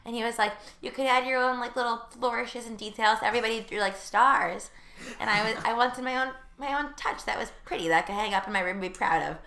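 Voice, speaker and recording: Bright-voiced chatty woman. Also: fairly high pitch. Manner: chatty, filler-heavy, quick bursts. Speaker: podcast co-host. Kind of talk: casual chat.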